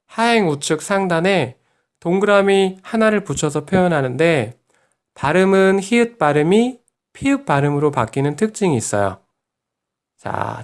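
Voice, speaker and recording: A man teaching Japanese pronunciation in a lesson video, patient and encouraging, modelling each syllable slowly. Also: on the high side, lively intonation. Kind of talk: online language lesson.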